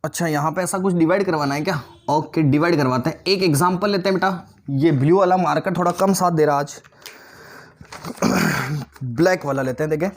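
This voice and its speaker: Teaching an online maths lesson, this man in his twenties has a voice on the high side and speaks at normal speed. He coaxes the students, checks their understanding constantly, calls them "beta" and "bhaiya," and jokes in passing.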